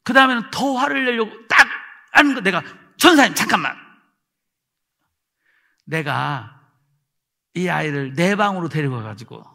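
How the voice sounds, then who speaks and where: Animated pastor in a reverberant hall. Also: male voice, sits high, normal speed, vocal fry. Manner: animated storytelling, acts out voices, shouts and drops to a hush. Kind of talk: sermon with acted-out story. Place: church hall.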